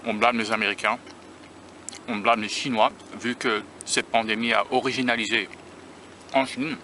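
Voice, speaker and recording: At a moderate pace, this American man speaks with medium pitch and a level, pushed, bright tone. He's vlogging casually as he eats by a beach near rail tracks, a self-conscious, musing food taster who often restarts sentences, holding a camera or phone on himself while outdoor traffic and vehicles rumble.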